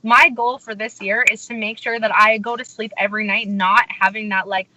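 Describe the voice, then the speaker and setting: A woman's voice: medium pitch, steady tone, moderate pace, dull audio, very noisy. A woman on a casual live chat show, frank and upbeat, swearing casually.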